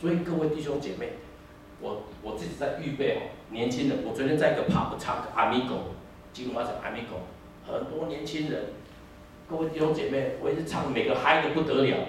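Taiwanese man, 50s, animated church preacher; echoey hall, distant mic, faint room noise. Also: medium pitch, brisk. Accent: Taiwanese Mandarin. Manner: animated, switches into Taiwanese, sings snatches. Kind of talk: sermon with storytelling and singing.

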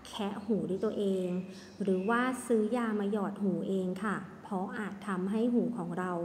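A woman teaching young children in an online lesson, speaking in a gentle, sing-song way. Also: medium pitch, steady tone, moderate pace, slight background noise. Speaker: kindergarten teacher. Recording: echoey room with long reverb, faint ambience.

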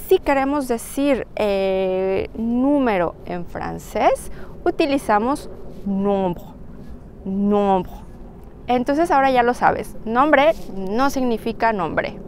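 Woman, slightly high voice, slow deliberate teacher delivery with a faint background hum. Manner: slow, careful, spells words out letter by letter. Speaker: French teacher. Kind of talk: language lesson.

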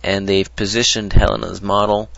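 Brief: deep, gravelly man, loose rambling tutorial delivery, dull dry lo-fi recording. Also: little pitch movement, moderate pace, noisy background. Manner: rambling, hesitant, lots of ums and restarts. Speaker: modding tutorial presenter. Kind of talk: casual screen-recorded tutorial.

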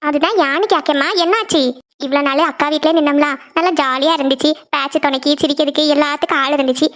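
A woman's voice: high-pitched, fairly even intonation, fast, fairly bright tone, dull audio, voice pushed down. A woman voicing a worried, sad middle-aged mother in a cartoon, talking in a weary, complaining way. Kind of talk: cartoon voice acting.

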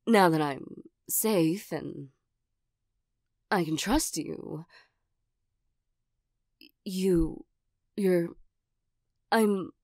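A woman as a shy, stammering cat girl, unhurried. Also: on the low side, a little mellow, no echo, studio quality, exaggerated voice. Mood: flustered, shy. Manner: hesitant, stammering, giggly. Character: flustered, shy, nervous female cat creature with claws. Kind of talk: ASMR role-play, soft-spoken.

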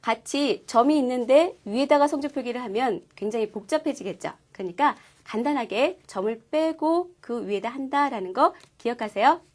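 A woman teaching a language class, explaining pronunciation clearly and patiently. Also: on the high side, animated, moderate pace, hardly any pauses, a little mellow. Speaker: Korean-speaking Chinese language teacher. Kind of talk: scripted lesson presentation.

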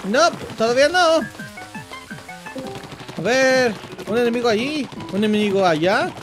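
A Mexican man keeps up animated let's play commentary, swinging his voice widely as he jokes and teases himself. Playful shouts break through his talk. Game music runs underneath. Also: extremely high pitch, measured pace. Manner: joking, teasing self-talk with playful shouts. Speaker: gaming channel host.

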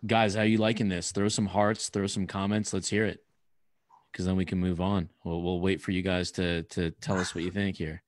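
A man co-hosts an online webinar, casually urging viewers to post questions and comments in the chat. His voice sits on the low side, and it is recorded dry and close, with no room sound. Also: little pitch movement, moderate pace, dry recording. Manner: upbeat, prompting the audience to comment. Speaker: webinar co-host. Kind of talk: casual moderating.

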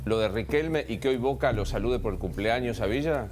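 A man hosting a TV news panel, asking brisk, probing questions in a studio. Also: mid-range voice, noisy background. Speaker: news show host. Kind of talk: TV panel discussion.

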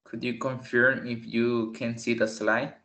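A man teaching an online English lesson, explaining slowly in English and repeating the points in Spanish over a video call. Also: medium pitch, flat delivery, bright, forceful tone.

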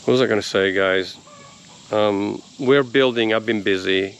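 Deep-voiced man rambling outdoors. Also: a little slow, a little hiss or hum. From Italy. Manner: easygoing, rambling, with many ums and little laughs. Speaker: homesteading vlogger. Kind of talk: casual vlog talk to camera. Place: outdoors on a rural property. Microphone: phone at arm's length.

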